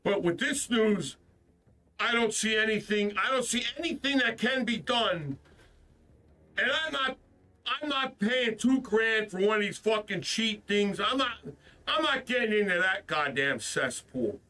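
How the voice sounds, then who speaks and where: A man hosting a gaming stream rants in frustration, swearing and repeating himself, his voice still stuffed up from the flu. It sits high and bright with lively intonation at a measured pace, and he sounds a bit distant from the mic.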